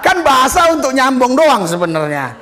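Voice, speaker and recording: A man's voice: very high-pitched, sing-song, moderate pace, pushed and bright. A male pastor telling stories in a sermon, acting out other people's voices as he goes. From Nias, Indonesia. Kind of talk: storytelling sermon. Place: church service.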